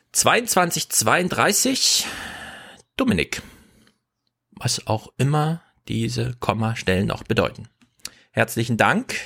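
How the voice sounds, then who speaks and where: A male podcast host with a gravelly, slightly low voice. He chats casually and reads out listener donations, dropping wry asides as he goes. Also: a bit bright. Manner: chatty, wry, quick asides.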